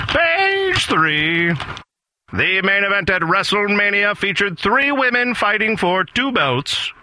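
High, punchy old-time radio newscaster. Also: male voice, dry recording, exaggerated voice. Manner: theatrical pauses, sly deadpan punchlines. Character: impression of a folksy, theatrical old-time radio newscaster from beyond the grave. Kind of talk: parody radio news commentary.

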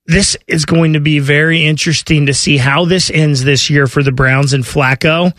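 Bright-voiced man debating on sports radio. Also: fairly high pitch, steady tone, normal speed, no echo, studio quality.

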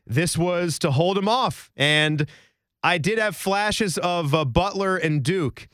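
Male podcast host, loose and jokey, slightly high voice, dry close mic. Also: slow, fairly bright tone, no echo. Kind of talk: casual sports podcast chat. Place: radio station studio.

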